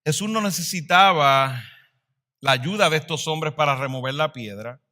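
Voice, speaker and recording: Male pastor mid-sermon; bright, pointed delivery, dynamic swells and quiet drops. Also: fairly high pitch, moderate pace. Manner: dynamic preaching, swells louder then drops to a hush.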